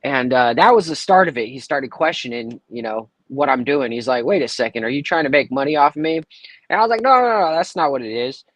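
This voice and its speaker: A man's voice: mid-range voice, a little fast, no room sound. A man on livestream headset audio, dry, close sound. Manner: animated, acts out quoted people with a raised voice. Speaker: caller on a livestream. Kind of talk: casual chat, telling a story.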